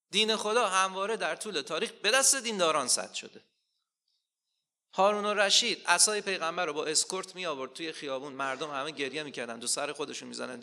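A man preaching a sermon, asking rhetorical questions and slowly quoting scripture with rising emphasis. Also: on the high side, pushed and bright.

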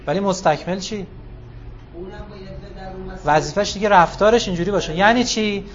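A man giving a sermon, telling stories with animated, rising emphasis. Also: sits high, dull audio. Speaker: religious speaker. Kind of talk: sermon with storytelling.

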